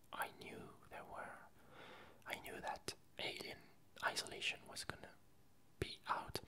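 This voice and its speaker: In a gentle, airy, unvoiced whisper, an ASMR creator chats loosely about games and films. The speech is slow and hesitant, with pauses while words are found.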